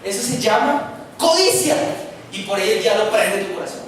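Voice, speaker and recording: Heard from a distance in an echoey church, a man preaches a sermon quickly in a high voice, with slight background noise. His tone is conversational, and he puts questions to the people gathered.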